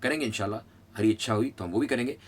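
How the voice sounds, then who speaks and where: A middle-aged man teaching an English lesson, slowly drilling phrases between chatty asides. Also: fairly low pitch, husky. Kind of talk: spoken English lesson in Hindi.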